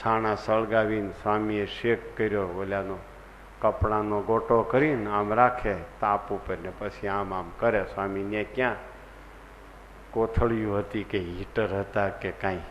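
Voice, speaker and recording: A man's voice: on the low side, fairly even intonation, a little slow, fairly bright tone, highs cut off. A man preaching a devotional sermon and telling a story with earnest feeling. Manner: earnest storytelling, acting out the people in his story. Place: large assembly hall. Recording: long hall reverb, faint background noise.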